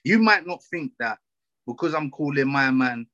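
A man with a London accent giving opinions in a casual discussion, forceful and slangy, often checking that he is being followed. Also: a little high, animated, normal speed, no room sound, muffled recording.

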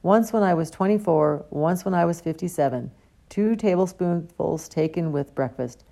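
A woman's voice: on the low side, moderate pace, gravelly, mellow. A woman voicing a genial, pompous older male potions teacher who talks theatrically.

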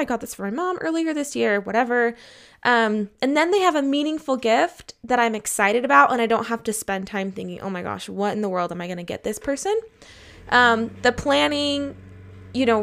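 Upbeat vlogger lady w a kinda high voice, chatty tidy advice, candid and emphatic. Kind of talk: casual personal advice vlog talk.

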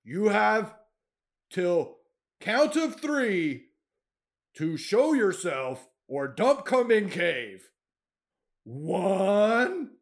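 A man voicing a huge, slow-witted male brute who talks in broken, simple English, loud and menacing. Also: high-pitched, sing-song, pitched above the performer's own voice, heavily acted. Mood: threatening.

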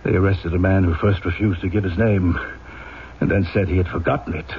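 An actor playing a stern, rigidly honourable French police inspector in a radio drama, speaking formally, emphatically and deliberately, accusing himself. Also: male voice, low-pitched, fairly even intonation. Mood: grave, reporting. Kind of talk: old-time radio drama acting. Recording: muffled, noisy vintage radio recording.

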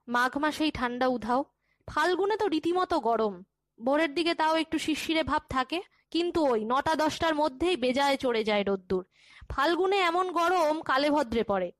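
A woman narrates a first-person tale in a high, light voice. The sound is dry and close, with no room around it. She slips into slower, softer tones when the characters speak. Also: no room sound. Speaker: storyteller. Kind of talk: first-person story reading.

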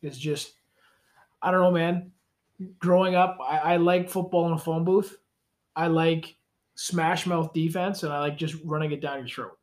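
A man's voice: a little high, fairly even intonation, normal speed. A young man co-hosting a casual sports podcast from a cold home garage, rambling and correcting himself as he talks. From Canada. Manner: rambling, self-correcting, laid-back. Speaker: podcast co-host.

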